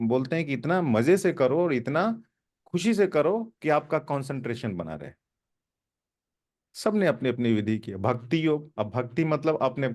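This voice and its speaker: A man's voice: medium pitch, darkish tone. A middle-aged man teaching an informal spiritual lesson, explaining step by step and often checking with listeners. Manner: conversational, explanatory, asks listeners "ठीक है?".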